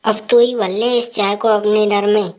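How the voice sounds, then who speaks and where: A woman's voice: mid-range voice, fairly even intonation, unhurried, a little mellow, lightly acted. A woman voicing a harsh, scolding old mother-in-law in a cartoon story, with nagging taunts.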